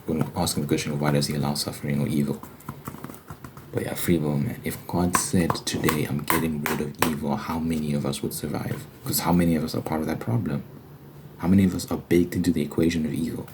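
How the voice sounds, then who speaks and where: Rumbling low and fast with a flat delivery, this ASMR Bible study host talks over background noise. His informal religious talk is earnest and conversational, using repeated phrases for emphasis before closing in prayer.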